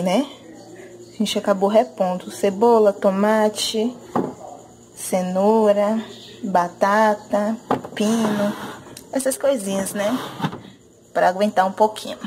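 A mid-range female voice, chatty and relaxed, names her monthly groceries while filming a home vlog on a handheld phone. The speaker is a Brazilian vlogger in her thirties in her kitchen, using fillers like "né," with noise behind her.

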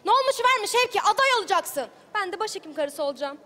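A man doing a shrill nagging wife. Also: sing-song, fast talker, pushed and bright, heavily acted. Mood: pushy. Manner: shrill, pushy, scolding. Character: nagging ambitious wife, middle-aged. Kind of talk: stage sketch comedy. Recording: live stage, hall reverb.

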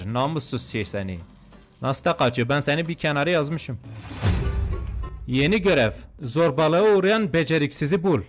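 A young man giving crude, joking commentary while playing a video game, swinging between muttered remarks and mock-outraged shouting. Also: a little high. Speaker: gaming YouTuber. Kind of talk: comedic let's-play commentary.

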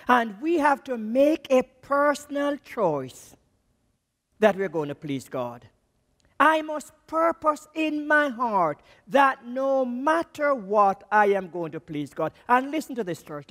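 A man with a Jamaican accent preaching a sermon as a missions speaker, slow and emphatic, his voice dropping low on the key words. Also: a bit bright. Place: church. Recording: long reverb of a church hall.

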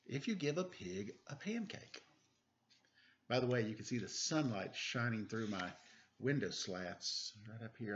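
Reading a picture book aloud for children at home, this storytime host in his forties adds playful, chatty asides. He has a mid-range, fairly bright voice, picked up as dull, lo-fi webcam sound.

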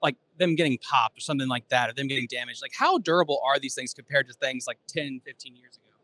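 A man's voice: mid-range voice, expressive, pushed and bright. A man in his thirties hosting a fishing podcast, interviewing a guest on a phone in a busy convention hall. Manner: upbeat, rapid, curious interviewer. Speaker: podcast host. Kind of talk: casual trade-show interview. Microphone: handheld phone.

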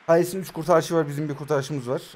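Young Turkish man, high voice, excitable self-talking game commentary. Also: fast talker, a little hiss or hum. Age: 20s. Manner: excitable, self-talking, swings from calm mutters to loud outbursts. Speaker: mobile football gamer and streamer. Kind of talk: live gameplay commentary.

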